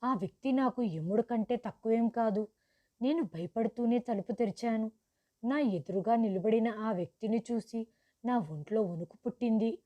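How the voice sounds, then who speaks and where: A woman reading a first-person story aloud in an earnest, steady way. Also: a little high, moderate pace, highs cut off.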